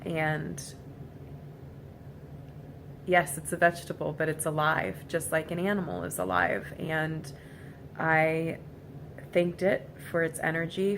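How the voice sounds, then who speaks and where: Low, gravelly woman musing earnestly. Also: fairly bright tone. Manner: halting, earnest, emotionally vulnerable. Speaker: vlogger. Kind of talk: casual personal vlog, reflective monologue. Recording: clearly noisy amateur recording.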